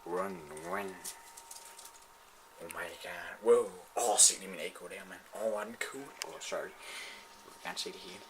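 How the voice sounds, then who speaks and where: A man giving excitable live commentary while playing a shooter game, swearing and trash-talking his opponents. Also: sits low, noisy background.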